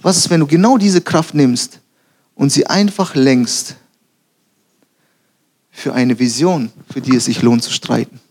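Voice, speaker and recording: A young man preaching a sermon, telling animated stories, acting out quotes and laughing at himself. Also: medium pitch, a little slow, pauses often, breathy edge.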